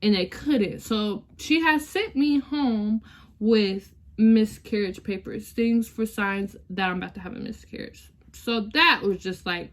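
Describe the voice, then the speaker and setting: A woman's voice: mid-range voice, unhurried. A young woman tells an emotional personal story in a casual, chatty way, often calling her viewers y'all and sometimes close to tears. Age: young adult. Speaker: vlogger.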